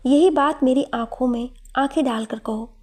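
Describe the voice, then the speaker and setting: A woman voicing a lovestruck, playful young male professor in a read-aloud story, with a warm, breathy voice. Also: high voice, normal speed. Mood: pleading. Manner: teasing, pleading. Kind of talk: storytelling narration.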